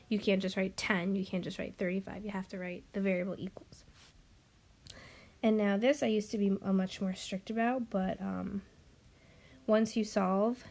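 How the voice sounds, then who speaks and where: A woman's creaky, mid-range voice, slightly mellow, carries a math lesson recorded in class. She guides students through each step with patience, often saying um and seeming a bit winded.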